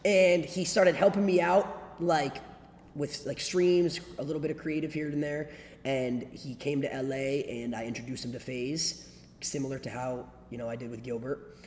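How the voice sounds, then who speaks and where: A man's voice: medium pitch, fairly even intonation, moderate pace, a little mellow. A young man chatting casually to livestream viewers in slang and repeating himself. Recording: echoey reverberant room with background noise.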